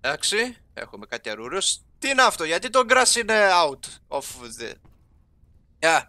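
A young man narrating his own game session in an excitable, chatty way, talking to his viewers as he goes. His voice is a little high and sharply bright. He drops English game terms into his talk. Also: no echo. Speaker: gaming YouTuber. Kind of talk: casual let's-play commentary.

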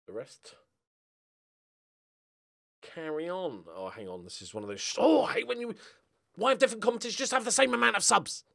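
His voice sits high and sounds sing-song, gravelly and a bit bright, moving fairly quickly with long pauses. A middle-aged British gaming streamer, he plays a football management game while giving rambling, jokey commentary, thinking aloud and veering between muttering and exclaiming.

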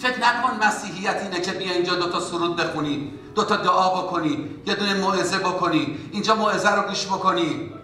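Male pastor, high voice, very bright and forceful tone, impassioned sermon, echoey church from far off. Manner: impassioned preaching, rising to loud exhortation.

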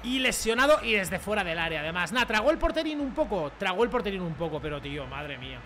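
A man giving excitable gameplay commentary from his bedroom at home, with loud outbursts, swearing and repeated catchphrases. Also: sits high, fast talker, background noise. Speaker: gaming streamer.

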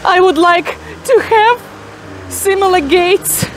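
A woman in her forties with a Russian accent, a travel vlogger chatting enthusiastically, with many fillers and pauses, filming on a phone outdoors. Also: very high-pitched, over music. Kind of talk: casual travel vlog narration. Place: outdoors in a city and inside a large mosque.

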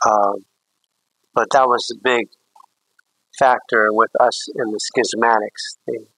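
A man's voice: fairly low pitch, fairly even intonation, takes it slowly, fairly bright tone, no echo, rough recording. A man, a priest, teaching a catechism class in a rambling, anecdotal way with jokey asides.

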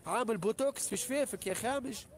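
A man's voice: very high-pitched, fast talker. A man with a Tunisian accent, ranting on a live stream and hurling insults, boasting and repeating himself with heavy swearing. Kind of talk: angry live-stream rant.

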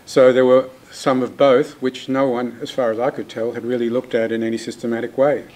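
A man in his sixties from Australia, a retired sociologist introducing himself in measured, understated terms in a seminar room. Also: medium pitch, level tone, a little mellow. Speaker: retired sociologist, conference panelist. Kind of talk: self-introduction at an academic workshop. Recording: faint room noise.

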